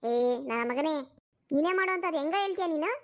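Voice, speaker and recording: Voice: sits high, fast talker, a bit bright. A woman doing a bossy, mocking old mother. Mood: mocking scold. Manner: scolding, mocking. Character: sharp-tongued old mother, bossy mother-in-law. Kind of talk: cartoon voice acting.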